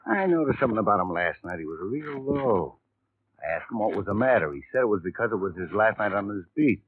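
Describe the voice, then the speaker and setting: A chatty hotel house detective on old radio. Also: male voice, on the low side, sing-song, quick pace. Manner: chatty and confiding. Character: friendly, worldly male hotel house detective. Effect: old AM radio broadcast sound. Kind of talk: 1950s radio drama acting. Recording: tinny, narrow-band old radio broadcast with faint hiss.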